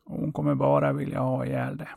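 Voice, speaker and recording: A man voicing a wise old male merchant in a fairy tale, giving a prince patient, earnest instructions in a husky, gravelly voice. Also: mid-range voice, flat delivery, a little mellow, no room sound. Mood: earnest advice. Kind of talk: storybook role-play.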